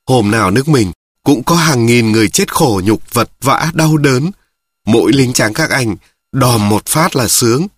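A man reading the lines of a blunt, crude old male cart driver, slow and gruff, with a husky voice. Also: medium pitch, lively intonation, no echo, studio quality.

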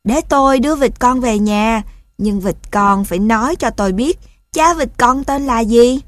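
A woman's voice: a little high, normal speed, dry recording, lightly acted. Helpful goose, plain storybook read; woman narrator. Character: helpful goose who gets discouraged.

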